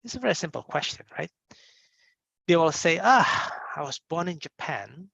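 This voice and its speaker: A man's voice: fairly high pitch, animated, moderate pace, creaky, pushed and bright, breathy edge, dry recording, highs cut off. A man from a business school's admissions side, answering interview questions in an emphatic, conversational way and often checking in with "right?". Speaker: admissions representative.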